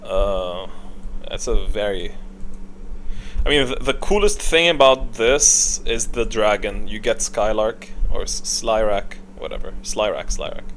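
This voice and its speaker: A video game streamer doing tier rankings delivers casual, unscripted commentary, blunt and opinionated, with occasional swearing. His voice is on the low side and a bit bright, and he speaks unhurriedly over clearly audible background noise.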